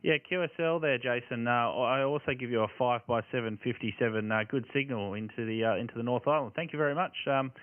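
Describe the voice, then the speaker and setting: A man's voice: mid-range voice, quick pace, hardly any pauses, dry recording. A man, an amateur radio operator calling and answering contacts with phonetic callsigns. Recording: narrow, very noisy radio-static sound.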